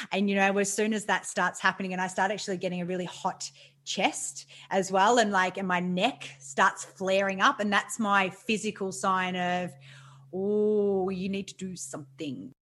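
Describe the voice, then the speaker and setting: Gentle woman podcast host. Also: mid-range voice. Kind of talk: interview questions.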